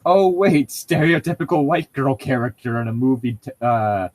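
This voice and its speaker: Bantering casually as a podcast co-host, a man reads a novel aloud and comments on it in a rambling, nitpicky way. He speaks at a normal speed in a medium-pitched, darkish voice with lively intonation.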